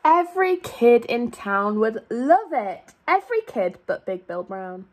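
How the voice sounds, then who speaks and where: High-voiced and animated, this young woman reads a children's tale with wide, bouncy shifts in pitch. She talks the way a primary teacher would, leaning on and lengthening important words so young kids can follow along.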